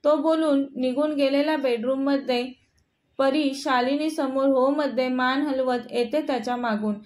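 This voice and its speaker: Woman storyteller, high voice, steady scripted reading. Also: measured pace.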